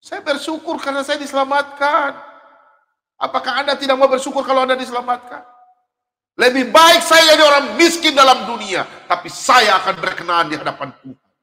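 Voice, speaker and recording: Middle-aged male preacher, very high voice, animated, laughing and shouting at times, long hall reverb. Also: a little fast. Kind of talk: sermon.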